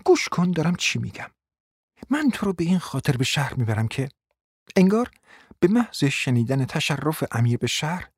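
A bossy, contemptuous woman, put on by a male reader, snaps commands in a raised, husky voice that leaps up and down. The recording is dry and close, like an audiobook read in a dead room. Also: no room sound. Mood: scolding. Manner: shrill scolding, sharp commands and insults. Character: domineering scornful middle-aged woman, bossing her husband. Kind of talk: audiobook dramatic reading.

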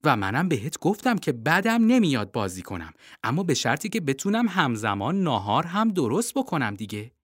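A storybook reader voicing a calm mother who teases her son. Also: medium pitch, hardly any pauses, no room sound, clean studio sound. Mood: teasing. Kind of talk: storybook reading.

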